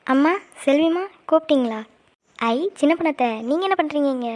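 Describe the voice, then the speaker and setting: A fretful village mother in a cartoon, voiced by a woman, talking fast in a high voice. She sounds animated and scolding. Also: lightly acted.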